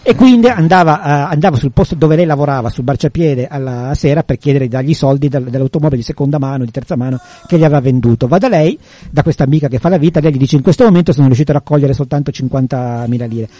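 A man's voice: a little high, fast, warm tone, no room sound. A man hosting a radio talk show, telling anecdotes casually with restarts and chuckles. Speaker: radio host.

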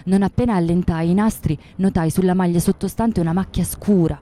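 An actress playing a shaken lady-in-waiting giving measured, grave testimony in a historical radio drama. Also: on the low side, warm tone, close to an everyday voice.

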